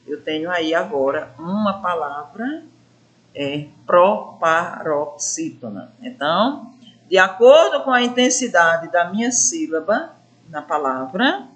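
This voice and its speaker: Slow, lively teacher woman, bright tone. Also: lowish voice. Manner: stretches syllables slowly to show stress; addresses pupils as gente, asks questions. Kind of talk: classroom lesson explanation.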